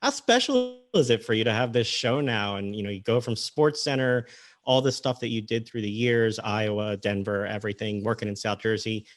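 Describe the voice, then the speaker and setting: A man's voice: on the low side, normal speed. A man hosting a sports talk show, asking his guest a friendly, rambling question. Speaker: radio show host. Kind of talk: casual interview questions.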